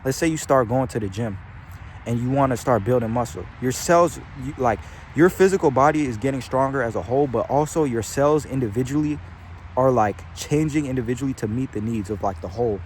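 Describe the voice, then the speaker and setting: A young man gives a loose, profanity-laced spiritual pep talk, drifting off topic and calling his listeners bro and gang. His voice sits at a middling pitch. Faint traffic hums behind him outdoors. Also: brisk, a little mellow. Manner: rambling, slangy, heavy swearing, calls listeners bro and gang. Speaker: spiritual channeler vlogger.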